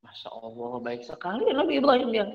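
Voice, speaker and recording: A man telling a religious story to children, animated and often asking them questions. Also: sits high, fairly quick, dull audio. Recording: echoey room with long reverb.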